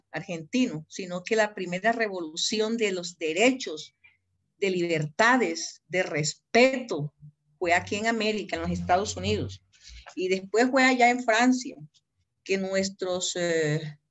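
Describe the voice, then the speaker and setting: Emphatic Colombian woman lecturing. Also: mid-range voice. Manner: digressive, emphatic, quizzes students by name and spells words out. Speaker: university law lecturer. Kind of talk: live class lecture.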